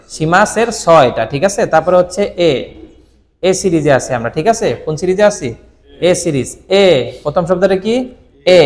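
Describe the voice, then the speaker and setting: Slow, echoey man drilling words. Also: high voice, darkish tone. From Bangladesh. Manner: repeats words slowly, quizzes the listener. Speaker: Japanese language teacher. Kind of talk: classroom-style vocabulary drill. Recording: long reverb, echoey room.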